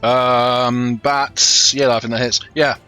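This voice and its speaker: A man acting as game master, narrating a tabletop role-playing game in a casual, improvised and halting way. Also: medium pitch, little pitch movement, pushed and bright, clear, resonant tone, soft background music.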